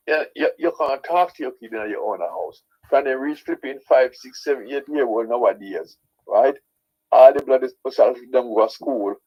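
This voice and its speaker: A man with a Jamaican accent and a husky voice, ranting as a caller to a radio show, insistently repeating his points with tag questions. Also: mid-range voice. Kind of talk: opinionated radio call-in rant. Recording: dull lo-fi sound.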